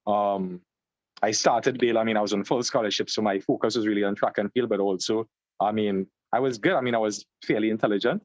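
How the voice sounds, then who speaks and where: A man's voice: lowish voice, fairly quick, dry recording. Trinidadian man telling his story. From Trinidad and Tobago. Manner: relaxed storyteller, fillers, "long story short". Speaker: guest. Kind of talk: conversational interview. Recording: slightly dull, dry call audio.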